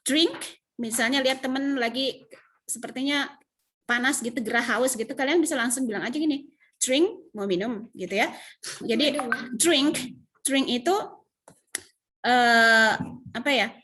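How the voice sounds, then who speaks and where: A woman's voice: high-pitched, a little slow, pauses often, fairly bright tone, slight background noise. A woman from Indonesia teaching an English lesson over a video call, with an Indonesian accent, patiently repeating English phrases and explaining them. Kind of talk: online class lesson. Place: home.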